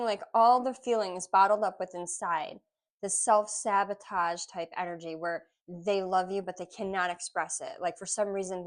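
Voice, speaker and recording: A woman giving a casual intuitive tarot reading, musing aloud with pauses between phrases. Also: medium pitch. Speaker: tarot reader.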